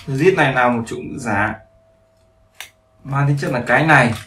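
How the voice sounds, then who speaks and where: A man's voice: mid-range voice, moderate pace, sharp tone, reverberant, distant mic, slight background noise. A male English teacher explaining grammar to beginners, repeating himself and often checking in with his listeners.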